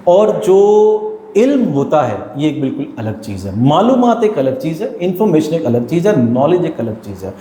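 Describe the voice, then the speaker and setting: A man's voice: fairly high pitch, very animated, mellow, reverberant, a little hiss or hum. A man, a teacher, telling stories and explaining his views earnestly in an interview, mixing in English terms. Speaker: teacher and guest. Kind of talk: storytelling in an interview.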